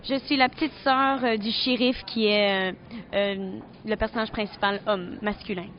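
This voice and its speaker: A woman's voice: mid-range voice, fairly even intonation, moderate pace. Québécois actress lady, chatty interview answers, lots of euh, slightly muffled sound. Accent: Québécois French. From Quebec City, Canada. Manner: chatty, many fillers and restarts.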